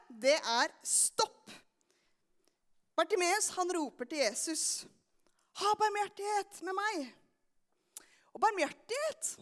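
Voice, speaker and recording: A young woman tells a Bible story to a church gathering and turns it into a lively lesson. Her voice sits high, and she keeps drawing the listeners in with questions. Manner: animated, asks the audience questions often. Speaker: children's sermon leader. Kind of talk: lively storytelling sermon for a congregation.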